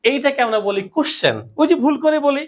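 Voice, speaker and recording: A woman's voice: high-pitched, quick pace, a little hiss or hum. A woman teaching pronunciation in class, drilling her students with repeated questions and call-and-response. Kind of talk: classroom lesson.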